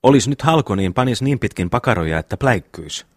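A man reading the part of a slow, good-natured young brother in an audiobook, plodding and homely. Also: lowish voice, expressive, no echo, studio quality.

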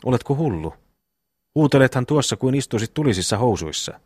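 A man voicing a calm, thoughtful brother who speaks in measured, sermon-like phrases in an audiobook reading. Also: medium pitch, husky, no echo, studio quality. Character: calm, wise, reasoning young brother.

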